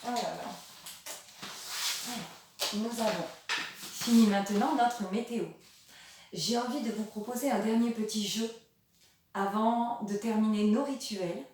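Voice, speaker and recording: A woman teacher talking slowly and patiently to young children, switching between French and English and asking exaggerated questions. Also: fairly high pitch, a little mellow, a little hiss or hum. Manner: sings nursery songs. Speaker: kindergarten teacher. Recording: very echoey room, voice from a distance.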